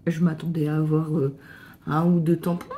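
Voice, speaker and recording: A middle-aged woman gushing excitedly as she unboxes a craft parcel, with stumbling restarts. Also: deep voice, moderate pace. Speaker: crafting vlogger. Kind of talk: casual unboxing chat.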